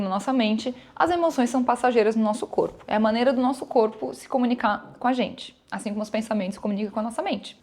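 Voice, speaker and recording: A woman's voice: a little high, darkish tone. A woman from Brazil hosting her own podcast, talking casually and reflectively to her listeners and acting out bits of inner dialogue. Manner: chatty and reflective, calls listeners "gente", acts out inner dialogue. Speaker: podcast host. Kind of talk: casual solo podcast talk.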